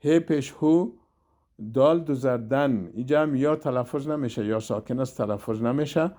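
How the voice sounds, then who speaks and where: A man teaching Quran reading, spelling each letter and vowel aloud, then slowly blending the word together. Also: mid-range voice, warm tone. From Afghanistan. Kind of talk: spelled-out recitation lesson.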